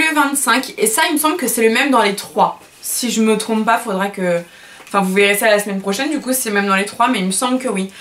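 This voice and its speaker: Gushing higher-voiced woman vlogger. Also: noisy background. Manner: gushing and chatty, many fillers and self-corrections. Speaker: beauty vlogger. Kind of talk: casual product unboxing chat.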